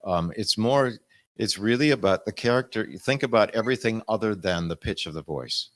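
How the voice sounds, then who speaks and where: A man, an audiobook narrator, talking on a convention panel in an animated, explaining way. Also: lowish voice, fairly quick.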